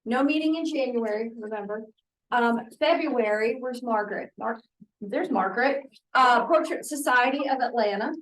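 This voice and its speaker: Woman organizer, fairly high voice, informal announcements, picked up from across a room. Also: normal speed, a little hiss or hum. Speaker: meeting organizer. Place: meeting room. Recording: distant room mic.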